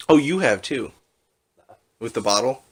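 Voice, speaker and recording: A man's voice: medium pitch, animated, a little slow, husky. A young man co-hosting a podcast, telling rambling stories in casual chat and laughing at himself. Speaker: podcast co-host.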